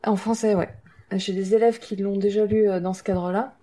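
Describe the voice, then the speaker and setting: A woman speaks as a panelist in a casual film discussion. Her voice sits at a medium pitch, and she explains her points informally, feeling her way through the phrasing. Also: steady tone, brisk, warm tone. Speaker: podcast panelist, teacher.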